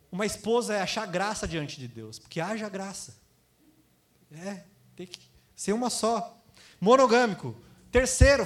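A man with a Brazilian Portuguese accent preaching a sermon, lively, acting out quoted voices and asking his congregation questions. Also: high voice. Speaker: pastor.

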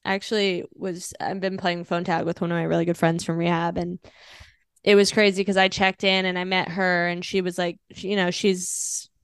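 Podcast guest, woman in her thirties, candid and rambling, swears easily; smooth tone, dry close recording. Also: on the low side, flat delivery, normal speed, dry recording. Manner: rambling, frank, swears freely, laughs at dark moments. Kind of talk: candid personal storytelling.

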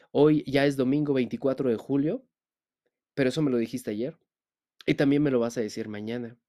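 A man's voice: mid-range voice, warm tone. A man hosting a spiritual podcast, talking directly to the listener and asking rhetorical questions. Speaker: podcast host.

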